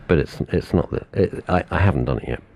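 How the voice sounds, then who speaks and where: A British man in his fifties hosting a casual radio chat, animated and repeating himself as he builds up steam. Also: extremely low pitch, fast talker. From Britain. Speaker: radio show host. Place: radio studio.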